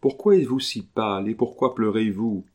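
A passionate young woman who will not stay silent about her love, as a man reads her aloud. Her questions come ardent and insistent. The reader's own voice sits very deep. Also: normal speed, a little mellow, close to an everyday voice. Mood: searching. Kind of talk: audiobook reading.

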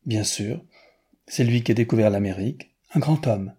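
A man's voice: on the low side, normal speed, dark tone, husky. A man reading aloud, voicing a sly, coquettish young woman copyist who bargains teasingly.

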